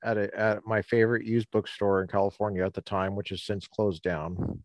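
A man's voice: fairly low pitch, flat delivery, darkish tone, no echo. Rambling man talking outdoors in the cold. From Colorado. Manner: rambling, halting, with frequent restarts and laughs. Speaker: podcast co-host. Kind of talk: casual chat. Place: outdoors by the ocean near a bridge, cold.

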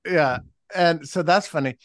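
A man's voice: on the high side, unhurried, fairly bright tone, dry recording, studio quality. A man from Texas talking as a podcast guest, rambling with restarts and telling stories animatedly. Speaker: guest commentator. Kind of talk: casual conversational analysis.

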